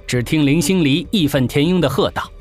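A man narrating a science-fiction story in a theatrical, animated manner. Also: on the high side, brisk. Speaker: audiobook narrator. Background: faint background music.

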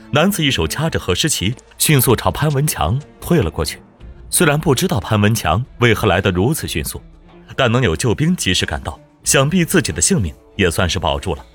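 A man narrating a fantasy novel in a dramatic, expressive storytelling manner, with faint music behind. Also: on the low side. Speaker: audiobook narrator.

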